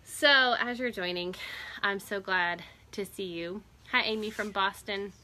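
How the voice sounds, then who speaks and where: A woman's voice: medium pitch, unhurried, pushed and bright. A woman hosting a casual live stream outdoors on a porch, chatty, greeting viewers by name and laughing often.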